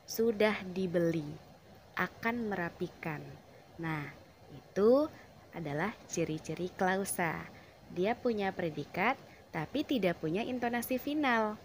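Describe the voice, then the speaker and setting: Woman teacher, unhurried classroom explanation, emphatic stresses on key words. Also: on the low side, slight background noise. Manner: slow, deliberate, stresses words with rising emphasis.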